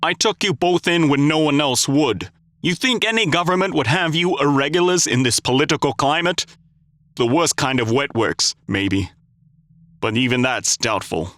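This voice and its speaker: A man voicing a calm, authoritative leader of a mercenary group. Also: a little high, normal speed, dry recording. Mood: commanding.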